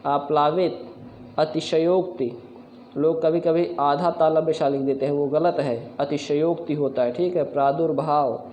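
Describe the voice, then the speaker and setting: A man's voice: on the high side, steady tone, a little slow, warm tone. A man teaching correct Hindi spelling, going word by word and correcting common mistakes, often addressing viewers as friend. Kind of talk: spelling lesson to camera. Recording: echoey room, faint background noise.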